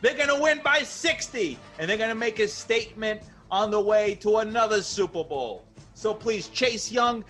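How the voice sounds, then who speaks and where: A man's voice: high voice, a bit bright. A man co-hosting a comedy sports show, arguing his team's case with mock-bold, over-the-top fan bravado. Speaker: co-host. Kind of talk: comedic sports radio banter.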